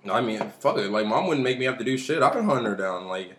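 A man's voice: mid-range voice, animated, fast talker, fairly bright tone, roomy sound, a little hiss or hum. A man co-hosting a casual podcast, talking in emphatic slang and repeating his phrases. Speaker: podcast co-host.

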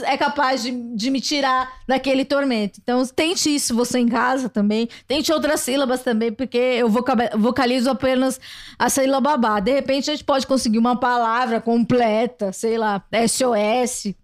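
A high-pitched woman from Brazil hosts a casual podcast chat. She tells stories with animated energy and laughs often. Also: moderate pace. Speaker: podcast host.

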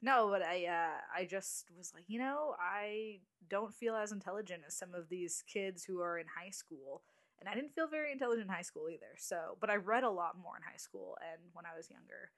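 A woman in her late twenties chats casually as a podcast guest, her medium-pitched voice animated and a bit bright. She's chatty but halting, often restarting sentences and breaking into little laughs.

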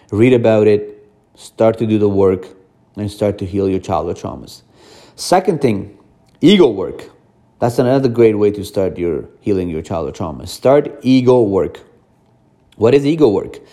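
A man from Afghanistan hosting a podcast, speaking to his listeners in a mellow, warm voice. He talks earnestly and repeats his points. His delivery is reflective and direct, like a self-help monologue. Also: mid-range voice. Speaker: podcast host.

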